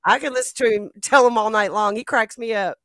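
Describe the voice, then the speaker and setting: A woman co-hosts a livestream over a remote call, chatting informally, reading viewer comments and encouraging her partner along. Her voice is a little high and a bit bright, a little fast, with no room sound.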